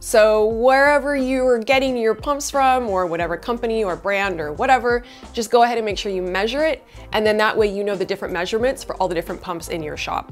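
A woman in her thirties hosting a bubble tea recipe tutorial, explaining each step in a bright, upbeat way on a studio kitchen set with a lapel mic. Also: fairly high pitch. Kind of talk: scripted cooking tutorial. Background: soft background music.

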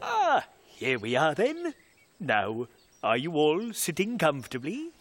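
A woman's voice: low-pitched, wildly swooping pitch, slow, over loud music, exaggerated voice. A woman voicing a kindly, cheerful male mole who reads stories and sings to children in a puppet show. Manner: warm sing-song reading, chuckling.

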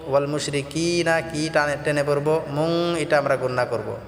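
A man's voice: a little high, steady tone, normal speed, echoey room, in a large hall. A man teaching Quran pronunciation, patiently explaining each sound step by step.

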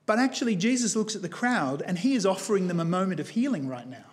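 High-voiced earnest male preacher. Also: expressive, fast talker. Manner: earnest, emphatic storytelling with shifting pace. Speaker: guest preacher. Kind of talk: sermon. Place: church.

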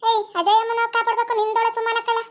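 A woman voicing a bossy, quick-tempered young woman who scolds and mutters to herself. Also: very high-pitched, completely flat delivery. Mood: scolding.

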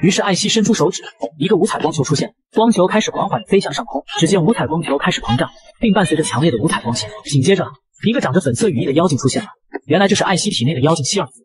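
A man narrating a manga recap in a brisk, breathless scripted delivery. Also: a little high, expressive, husky.

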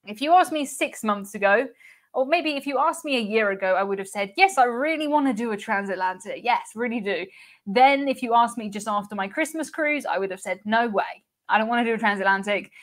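A woman's voice: on the high side, fairly bright tone. A young woman hosting a cruise live stream, chatting casually and reading out viewer comments, laughing often and repeating words. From United Kingdom. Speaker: cruise channel host.

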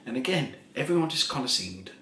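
A man's voice: mid-range voice, big pitch swings, fairly quick, bright, forceful tone. Tipsy guy rambling an asmr story, keeps chuckling, goes half-whispery, roomy echo and a bit of hiss. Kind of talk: soft-spoken ASMR storytime.

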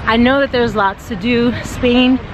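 A woman's voice: fairly high pitch, steady tone, a little slow, a crowd in the background. A young woman talking to a handheld camera in a casual travel vlog, chatty and upbeat, laughing often. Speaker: travel vlogger. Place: outdoors on rainy city streets and inside a hostel. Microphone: handheld camera at arm's length.

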